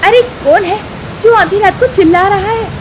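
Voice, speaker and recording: A woman's voice: very high voice, moderate pace, background noise, voice pushed up. A woman voicing a scheming, cruel young daughter-in-law in a storybook tale, talking in a sly, scolding way. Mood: sharp.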